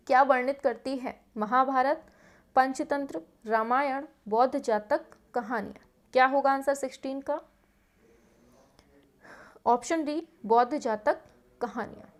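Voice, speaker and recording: Woman teacher, high voice, exam quiz lesson, steady rhythm through answer options.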